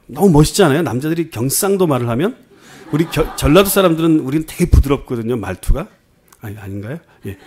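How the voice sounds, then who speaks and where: A male pastor with a soft Jeolla Korean accent, delivering a sermon at a mid-range pitch. His preaching swings from forceful, raised points down to near-murmured asides, with English words slipped in along the way. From Jeonju, Korea.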